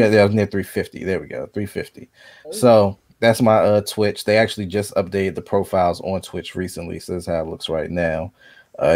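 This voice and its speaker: A man, a video game streamer, talking as a podcast guest in a relaxed, conversational way with frequent ums. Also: sits low. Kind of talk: casual podcast chat.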